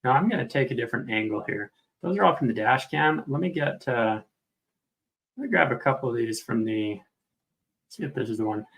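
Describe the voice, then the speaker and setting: A man's voice: medium pitch, animated, fairly quick, creaky, a bit bright, low-quality recording. A man giving casual, think-aloud live commentary as a host going through video clips. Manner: thinking aloud, informal narration. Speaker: video host reviewing footage.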